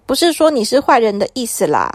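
A high, bright little girl's voice in a children's audio story, put on by a woman narrator. She sounds eager and a little bashful, with a lively, climbing lilt. The recording is close and dry. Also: quick pace, no echo. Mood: apologetic. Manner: apologetic, eager. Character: shy little girl exploring the sea.

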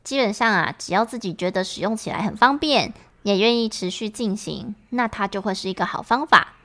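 Woman teacher, Taiwanese Mandarin accent, patient podcast lesson, mid pitch. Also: brisk, fairly bright tone. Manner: explanatory, patient. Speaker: English teacher.

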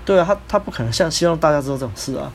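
A man with a Taiwanese Mandarin accent, hosting a podcast, telling a personal story in a casual, animated way and acting out the people he quotes. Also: on the high side, very fast, vocal fry, a crowd in the background. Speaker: podcast host.

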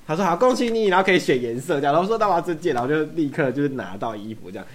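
Fast-talking young man telling a story. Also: on the high side. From Taiwan. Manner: fast animated storytelling, acting out both sides of dialogues. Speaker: podcast guest. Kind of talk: casual storytelling chat.

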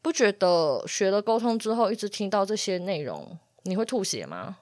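A young woman, hosting a casual podcast and telling stories about her pets with animated, exasperated retellings. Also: mid-range voice, normal speed, dry recording, clean studio sound. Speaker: pet communicator podcast host.

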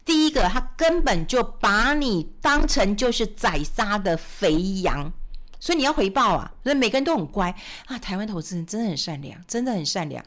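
A woman's voice: medium pitch, big pitch swings, moderate pace, a bit bright. A middle-aged woman with a Taiwanese Mandarin accent, hosting a finance show in casual, chatty talk. She laughs often and acts out little scenes as she goes. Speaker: radio finance host.

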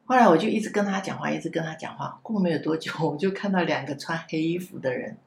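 Woman, low voice, halting repetitions, echoey room, faint hiss. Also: vocal fry. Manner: halting, repeats words while recounting. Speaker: guest telling a personal story. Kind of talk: casual podcast chat. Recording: roomy echo, faint background hiss.

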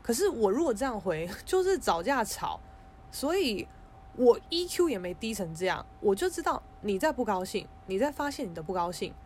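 Animated woman telling a story. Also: mid-range voice, moderate pace, slight background noise. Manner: animated, frequent restarts and stammers, mimics others in quotes. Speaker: podcast host. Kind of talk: casual storytelling monologue.

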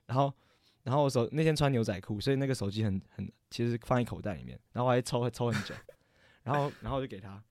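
Speaking quickly in a mid-range, darkish voice, this young man tells a story as a podcast co-host, wandering off track, stumbling over words and often fixing what he just said. It's a casual chat captured in studio quality with no audible room.

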